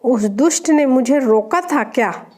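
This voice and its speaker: A woman's voice: sits high, animated, a little slow, background noise. A woman reading short jokes aloud, naming each speaker before their line. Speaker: joke reader.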